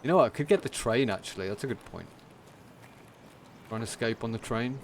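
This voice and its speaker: A man streaming a game, talking through it in a casual, monotone commentary. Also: mid-range voice, brisk, slight background noise.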